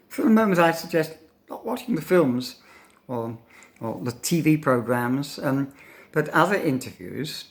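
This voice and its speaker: An older man giving an informal English lesson, thinking aloud in pauses and often tagging his points with a questioning "no?". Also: on the high side. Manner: thoughtful, pausing, demonstrates intonation aloud; tags questions with "no?". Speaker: English teacher.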